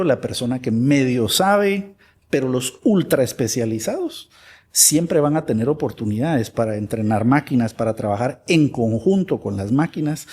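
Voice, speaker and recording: Interview guest: a man from Guatemala with a husky voice, animated, acting out little dialogues. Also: mid-range voice. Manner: animated, acts out imagined dialogues. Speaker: guest expert. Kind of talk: conversational interview.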